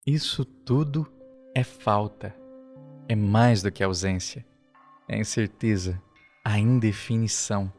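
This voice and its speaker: A man with a Brazilian Portuguese accent, narrating a documentary podcast in a slow, reflective way. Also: fairly low pitch, darkish tone. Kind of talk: scripted narration. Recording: faint music underneath.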